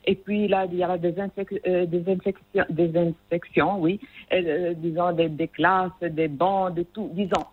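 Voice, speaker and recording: A woman's voice: lowish voice, fairly even intonation, measured pace, breathy edge. A woman with an Italian accent, a teacher giving a phone interview, explaining carefully with many hesitations. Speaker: guest, language teacher. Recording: tinny phone line.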